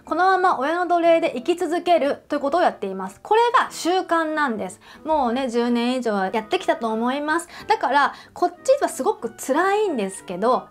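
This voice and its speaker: A woman with a high voice talks straight to the viewer as a counselor, stressing her points and asking questions as she goes. Faint music plays under her words. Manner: emphatic, addresses viewer directly; uses everyday examples and questions. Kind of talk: advice talk to camera.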